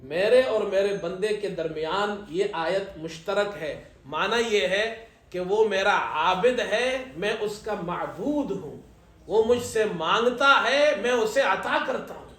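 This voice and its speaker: High-voiced imam preaching in an echoey hall. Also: male voice, lively intonation, a bit bright. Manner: humorous storytelling, slow chanted Arabic recitation. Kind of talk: sermon. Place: event hall at a ceremony.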